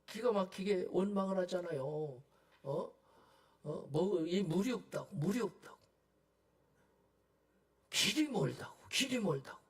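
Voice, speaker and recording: A male pastor delivers a Sunday sermon in a church, talking to the congregation with constant rhetorical questions and dropping now and then into hushed asides. His voice sits high for a man and has a husky, breathy edge. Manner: conversational preaching with rhetorical questions and sudden quiet asides. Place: church sanctuary.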